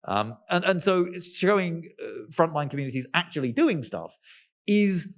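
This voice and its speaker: A male author answering interview questions in a posh-sounding voice, halting with lots of fillers and restarts, with wry, sardonic asides. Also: fairly high pitch, very animated. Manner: self-described posh-sounding voice.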